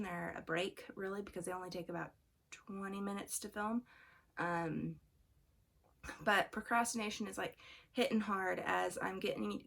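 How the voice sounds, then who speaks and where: A woman's voice: mid-range voice, gravelly. A young woman with allergy congestion and a throaty voice, chatting in a casual, rambling vlog with many fillers. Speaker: vlogger studying for the bar exam. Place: room at home. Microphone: camera on a fixed angle.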